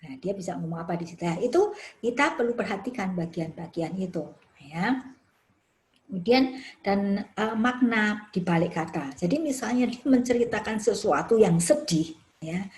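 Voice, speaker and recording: A woman from Indonesia teaching a counseling workshop, explaining step by step and tagging her sentences with "ya". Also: mid-range voice. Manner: warm explanatory, frequent "ya" tags. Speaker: counseling trainer.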